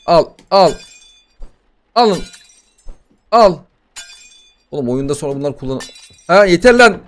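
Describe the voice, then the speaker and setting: A young man narrates a horror game playthrough in loose, profane banter, reacting loudly to every scare. His voice sits a touch high for a man and swings widely in pitch, jumping from mutters to yells. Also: moderate pace. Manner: excitable, swearing, banter with the game. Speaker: gaming YouTuber. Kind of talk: gaming commentary.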